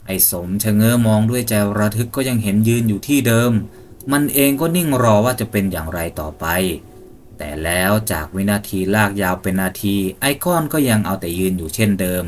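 A man narrating a scripted ghost story in a measured, suspenseful manner. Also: fairly low pitch, expressive, a little hiss or hum.

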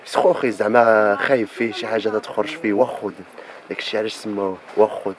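A man's voice: fairly low pitch, flat delivery, fast, background noise. A young man with a Moroccan Arabic accent chatting on a mountain trail and explaining a local spot, with lots of fillers, filmed on a phone at arm's length. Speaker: vlogger and hiker. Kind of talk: casual explaining on a hike.

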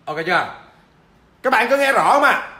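A man's voice: very high voice, sing-song, normal speed, bright, forceful tone. A man, a business trainer, giving a livestreamed lecture; he stammers at times and keeps checking in with viewers through questions.

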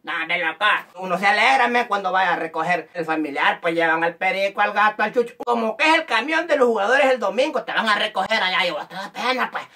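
A man's voice: high-pitched, animated, fast, few pauses, pushed and bright, distant mic. A man ranting in a mocking, slangy comic style, breaking into laughter. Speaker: comedy sketch host. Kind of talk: comic rant to camera.

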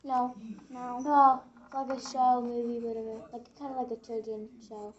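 A woman's voice: on the high side, level tone, normal speed, highs cut off. A young woman giving clues in a slangy, teasing way. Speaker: friend giving drawing prompts. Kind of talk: casual chat.

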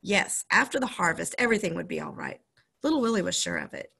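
Gravelly woman reading a chapter book. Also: on the low side, wildly swooping pitch, fast. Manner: warm, casual asides to listeners. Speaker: storyteller reading a children's novel.

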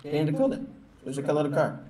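A man chatting casually with a friend over a call while gaming, quick and eager as he points things out. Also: fairly high pitch, sing-song, crowd noise. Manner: quick and eager, giving directions. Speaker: friend showing off his car in a game.

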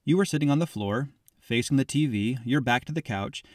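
A man's voice: medium pitch, fairly quick, dry recording, studio quality. A man narrating a first-person audiobook in a reflective, confiding way. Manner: reflective, confiding, addressing the listener as "you".

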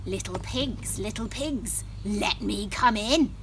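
A woman voicing a blustery big bad male wolf in a storybook, speaking slowly and loudly. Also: slight background noise. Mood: menacing. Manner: slow, booming and drawn out.

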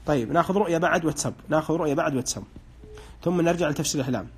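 Guy doing live dream readings, talks super fast, a bit husky. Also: fairly high pitch. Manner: hedging with religious phrases; questions callers briefly. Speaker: dream interpreter on live broadcast. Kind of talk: live call-in dream interpretation.

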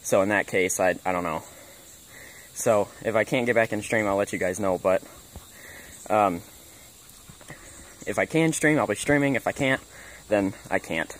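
Guy doing a quick vlog update outside, lowish voice, lots of ums, faint outdoor noise behind him. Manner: halting, many fillers. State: out of breath. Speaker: streamer.

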